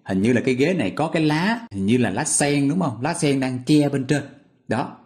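Male teacher, mid-pitched, patient and repetitive, walks learners through each word. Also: animated, normal speed, a little mellow. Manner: patient, repetitive, asks listeners questions. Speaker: English vocabulary teacher. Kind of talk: explaining memory tricks step by step.

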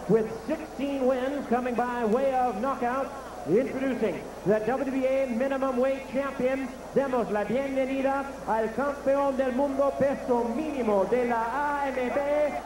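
A man working as a ring announcer, making formal bilingual boxing introductions in a grand, ceremonial manner with drawn-out names. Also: very high-pitched. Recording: echoey arena PA, noisy background.

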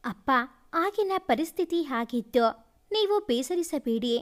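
A woman voicing a young wife who speaks quickly and softly through tears. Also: sits high, animated. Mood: tearful. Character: young wife, tearful and guarded.

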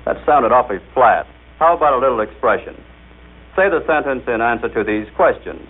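A man's voice: medium pitch, expressive, brisk, slightly rough. Jovial man demonstrating on old radio. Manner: jovial, explanatory, coaxing the machine. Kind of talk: scripted 1930s radio demonstration. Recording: tinny 1939 radio broadcast recording.

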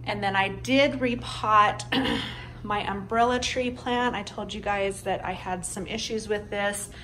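A woman's voice: medium pitch, fairly even intonation, measured pace, pushed and bright, a little hiss or hum. A woman in her thirties narrating a casual home vlog, chatty and upbeat with frequent ums. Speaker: vlogger.

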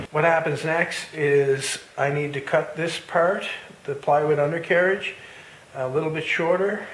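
A man hosting a woodworking video, casually walking through his build with plenty of fillers and restarts. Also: a little high. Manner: relaxed, explanatory, with many fillers and restarts. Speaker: woodworking channel host. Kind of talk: casual shop walkthrough narration. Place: home woodworking shop, indoors. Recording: roomy workshop with faint noise.

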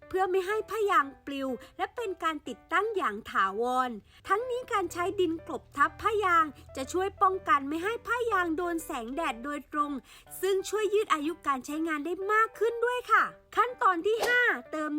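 A woman's voice: extremely high pitch, sharp tone. A woman narrating a how-to video in a polite, instructive, step-by-step voice-over.

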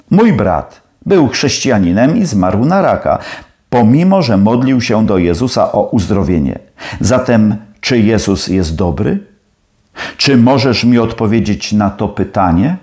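A man's voice: lowish voice, big pitch swings, measured pace, darkish tone. A man playing a stern older professor. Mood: probing. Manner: challenging, questioning. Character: stern older male atheist professor, probing.

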